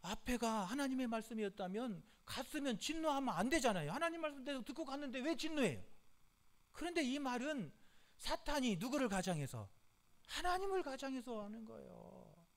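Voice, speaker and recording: A male pastor delivers a sermon with insistent emphasis and a repetitive rhythm. His voice sits high, and he punctuates points with hallelujah. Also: big pitch swings, brisk, vocal fry.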